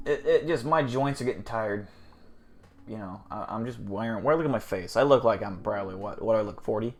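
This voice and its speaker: A man's voice: lowish voice, a little fast. A man hosting a casual livestream, rambling, swearing and joking with his chat. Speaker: livestream host.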